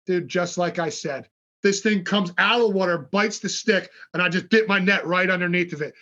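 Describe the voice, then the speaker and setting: Animated man telling fishing stories. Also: sits high, normal speed, muffled recording. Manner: animated, swears freely, acts out quotes. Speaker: podcast guest, fishing brand founder. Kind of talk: casual storytelling.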